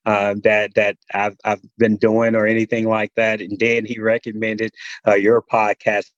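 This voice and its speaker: Low-voiced Southern man, halting drawl. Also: monotone, dry recording, dull audio. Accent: Southern US, Mississippi drawl. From Mississippi, USA. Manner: halting, many pauses and repeated words. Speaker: podcast guest, military senior leader. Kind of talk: casual interview conversation.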